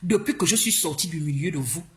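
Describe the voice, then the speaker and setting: A woman from Gabon speaking on a live stream, her pitch swinging up and down as she argues. She sounds indignant and confrontational, repeats her questions, and trips over restarts when she gets agitated. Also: lively intonation, fairly quick. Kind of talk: heated live-stream monologue.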